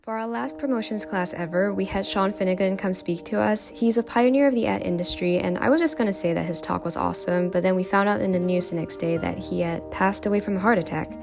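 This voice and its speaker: A woman's voice: mid-range voice, fast, vocal fry, few pauses, music in the background. A young woman narrating her vlog in a casual, candid and reflective way. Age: young adult. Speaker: student vlogger.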